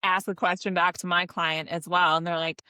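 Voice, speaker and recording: Woman, podcast host, bright clear voice, enthusiastic, candid, dry sound. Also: on the low side, flat delivery, moderate pace, no echo. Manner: enthusiastic, candid, swears casually. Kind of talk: casual podcast interview.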